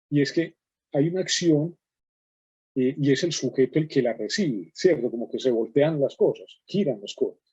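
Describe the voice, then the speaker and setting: A man's voice: medium pitch, warm tone, slightly rough, dry recording, muffled recording. A man teaching a writing workshop, explaining patiently with many fillers and checks like "right?". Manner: explanatory, frequent "¿cierto?" and fillers. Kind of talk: online workshop lecture.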